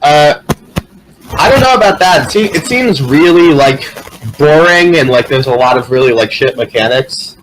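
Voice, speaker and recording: A man's voice: fairly high pitch, lively intonation, normal speed, a bit bright, a little hiss or hum, low-quality recording. A man chatting casually as a podcast co-host, in a rambling, sweary way. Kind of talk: casual chat about games and anime.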